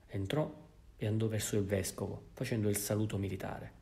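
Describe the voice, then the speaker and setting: A man with an Italian accent reading a classic novel aloud in measured, even narration. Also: on the low side, creaky. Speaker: audiobook reader. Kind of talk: literary audiobook narration.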